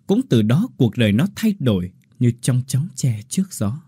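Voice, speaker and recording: A man narrating a horror story in a dramatic, expressive way. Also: mid-range voice, normal speed, husky, no echo, studio quality.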